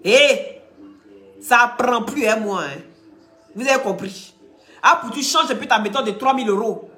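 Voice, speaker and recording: A woman with a head cold, ranting loudly on a live stream, teasing and scolding. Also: fairly high pitch, normal speed, echoey room. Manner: talks loudly, teasing and scolding, often laughing. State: head cold, blocked ears. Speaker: live streamer and gossip commentator. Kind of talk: casual live-stream rant.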